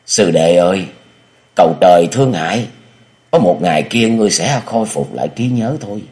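A man's voice: low voice, animated, brisk, darkish tone. A man voicing a cold young woman, a martial sister who speaks with feigned sorrow. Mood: sorrowful. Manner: mournful, feigned tenderness.

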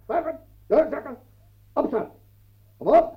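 A man's voice: extremely high pitch, expressive, a little slow, exaggerated voice. An actor in a radio play voicing a domineering man who barks drill orders and mocks his victim. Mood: barking drill. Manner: barking commands, mocking, relentless. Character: domineering male tormentor, barking drill orders. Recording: dull lo-fi old radio recording.

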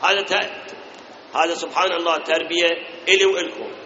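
A man with an Iraqi Arabic accent delivers a sermon in a high, bright, forceful voice, questioning his congregation and drawing out chanted verses. The sound rings with long hall reverb and is dull and lo-fi, with a faint hiss underneath. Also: fairly even intonation. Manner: asks rhetorical questions and addresses listeners directly; chants scripture verses slowly. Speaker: preacher.

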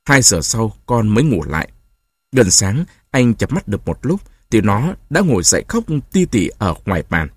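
A man's voice: slightly rough, dry recording, studio quality. A man narrating a novel aloud as an audiobook, telling the story expressively. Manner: expressive storytelling, varied pitch.

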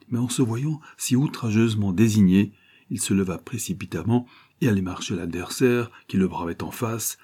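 A man narrates a classic novel in a measured, literary style. His voice is low and dark, with a husky edge. He reads steadily, as an audiobook narrator.

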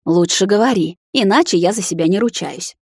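A woman voicing a fierce, protective vampire mother who snarls and shouts in rage, in a storybook reading. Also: medium pitch, fairly quick, slightly rough, dry recording, studio quality. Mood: furious.

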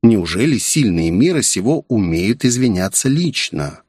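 A man reading a story aloud as its narrator, with expressive storytelling. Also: lowish voice, normal speed, a little hiss or hum. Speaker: audiobook narrator. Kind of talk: scripted narration.

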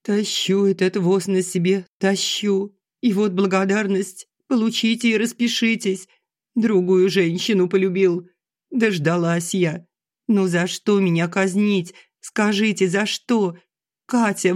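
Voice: mid-range voice, steady tone, slow, voice pushed up, close to an everyday voice. A narrator voicing an aggrieved middle-aged wife who complains shrilly and sarcastically through tears, in an audiobook. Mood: wailing. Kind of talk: audiobook character reading.

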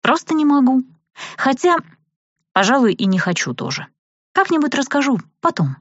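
A woman's voice: high-pitched, very animated, moderate pace, dry recording, lo-fi sound, voice pushed up. A woman voicing a wry, weary young female student in an audiobook.

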